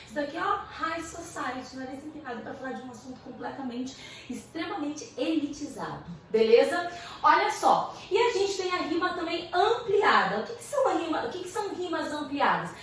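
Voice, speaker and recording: Young brazilian teacher lady, chatty and slangy, highish voice, roomy echo from a bit away. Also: recorded from a distance, slight background noise. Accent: Brazilian Portuguese. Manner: chatty, slangy, with playful asides. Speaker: literature teacher. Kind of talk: casual video lesson. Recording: echoey room, voice from off-mic.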